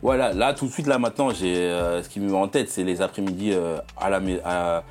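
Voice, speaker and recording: Fields: Man, middle-aged. Role: guest on a chat show. Pitch: low. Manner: relaxed, slangy. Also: fairly quick. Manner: relaxed slangy talk, repeats "c'est ce que je veux dire". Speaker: guest, clothing brand founder. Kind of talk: casual interview chat.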